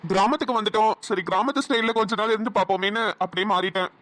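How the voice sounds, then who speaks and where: A woman's voice: medium pitch, a bit bright, no echo, pitched below the performer's own voice, lightly acted. A woman with a Namakkal Tamil accent voicing a teasing, protective young husband in a cartoon. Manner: teasing, quick retorts.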